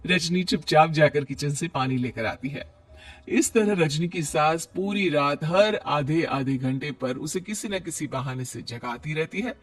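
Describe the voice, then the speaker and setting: A man's voice: on the high side, expressive, a little slow. Man narrating a cartoon story.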